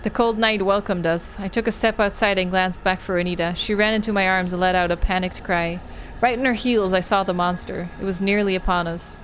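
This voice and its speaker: Playing through a visual novel live, a woman streamer reads and discusses it expressively, like telling a story. She talks briskly in a mid-range voice with hardly any pauses, over slight background noise.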